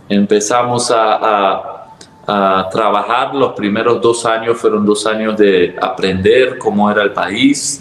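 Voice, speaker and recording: A man from Venezuela with a Venezuelan Spanish accent, a pastor telling his personal testimony in conversation, acting out what people said with sudden jumps in his voice. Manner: lively storyteller who acts out dialogue with sudden jumps in pitch. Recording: roomy echo.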